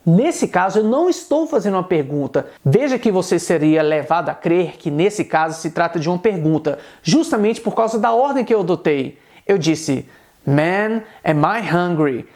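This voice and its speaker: A Brazilian man teaching English online, with a Brazilian Portuguese accent. He explains patiently in a lively voice that swings up and down. He slows right down, word by word, whenever he models an English sentence. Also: high-pitched. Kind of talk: online language lesson.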